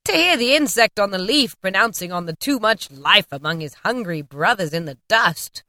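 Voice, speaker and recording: A woman voicing a solemn male Christmas ghost who rebukes a miser gravely. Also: medium pitch, expressive, moderate pace, bright, forceful tone, no room sound, studio quality. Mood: rebuking. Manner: grave, reproachful, declaiming.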